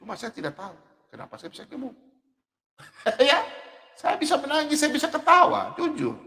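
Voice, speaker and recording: Middle-aged male preacher, very high voice, animated, laughing and shouting at times, long hall reverb. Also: normal speed, vocal fry. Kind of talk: sermon.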